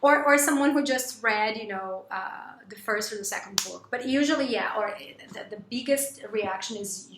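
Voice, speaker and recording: A Brazilian woman, an English teacher and vlogger, chats casually to camera in English, her second language, with a Brazilian Portuguese accent. She talks at a moderate pace with hardly any pauses, full of fillers and restarts, and bursts into high, excited quotes. The room is echoey and there's background noise.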